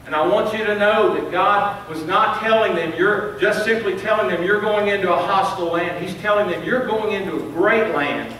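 High-voiced man preaching in an echoey church. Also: moderate pace, hardly any pauses, a bit bright. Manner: earnest preaching with rising emphasis and repeated restarts. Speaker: pastor. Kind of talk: sermon. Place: large church sanctuary, preaching at a lectern. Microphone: lectern microphone, filmed by a far camera. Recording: echoey sanctuary, distant mic, faint hiss.

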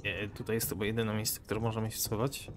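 A man hosting a let's play, excitable and joking, swearing often as he commentates casually. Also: fairly low pitch, a little fast. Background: game audio.

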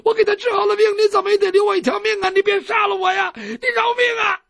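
A man's voice: very high voice, little pitch movement, fast talker, gravelly, a bit bright, dry recording, clean studio sound, pitched above the performer's own voice, exaggerated voice. A male storyteller voicing a cowardly male quack doctor who stammers and shrieks as he begs for his life. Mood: shrieking terror. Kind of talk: traditional Chinese storytelling.

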